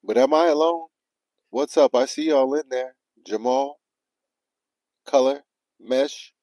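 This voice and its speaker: A man's voice: medium pitch, takes it slowly, no room sound, poor audio. A man telling a story casually on a livestream, swearing often and acting out his own panicked self-talk. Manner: animated, profane, retelling with quoted self-talk. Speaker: livestream vlogger.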